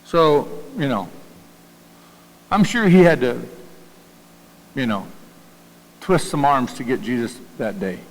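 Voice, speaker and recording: A pastor with a Southern US accent gives a sermon in a loose, conversational manner, stumbling over and repeating his words as he puts questions to the congregation. His mid-pitched voice carries the long reverb of a church sanctuary. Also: big pitch swings, slow, pauses often.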